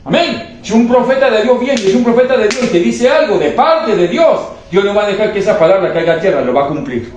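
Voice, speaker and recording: A man's voice: high-pitched, lively intonation, a little fast, few pauses, a little mellow. A man preaching to his congregation as a prophet, telling stories and often checking in with the crowd. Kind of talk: sermon with testimony. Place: church hall with a live congregation. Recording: very echoey hall, faint background hiss.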